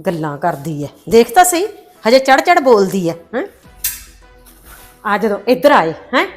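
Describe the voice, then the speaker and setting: A woman's voice: mid-range voice, very animated, a little slow, faint music behind. An actress playing a quarrelsome, proud middle-aged village mother who scolds and complains indignantly in a family drama. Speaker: mother of a married daughter. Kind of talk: rural family drama acting.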